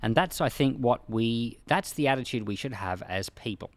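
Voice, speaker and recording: Speaking at normal speed in an expressive mid-range voice, a man reads scripture and follows it with casual devotional commentary. He's a pastor who hosts a Bible podcast, explaining things plainly, and the recording is dry.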